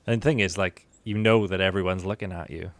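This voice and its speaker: A man co-hosting a casual podcast, talking haltingly with lots of fillers. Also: sits low, fairly even intonation, no room sound. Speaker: podcast co-host. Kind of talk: casual chat.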